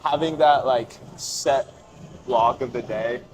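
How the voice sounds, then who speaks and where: A young man with a mid-pitched voice acts as interviewer in a casual chat. He talks informally and conversationally, sometimes repeating words for emphasis. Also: takes it slowly, background noise. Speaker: interviewer and host.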